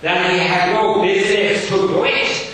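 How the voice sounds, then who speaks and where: A stern, pompous Victorian schoolmaster barks at his pupils in a booming, commanding voice, as a man reads him aloud. The sound is distant and very echoey, with steady background noise behind it. He speaks up high and loud. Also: a little slow.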